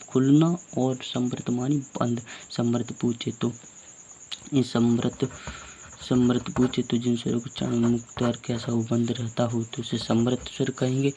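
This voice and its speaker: Man, teacher, chatty informal lesson, mellow tone, faint background noise. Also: medium pitch. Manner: repeats questions and answers them himself; casual and chatty, corrects his own slips.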